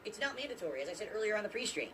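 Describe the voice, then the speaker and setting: A man's voice: high voice, very animated, rapid-fire, sharp tone, distant mic, slight background noise, poor audio. A man streaming live, talking defensively. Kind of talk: livestream talk.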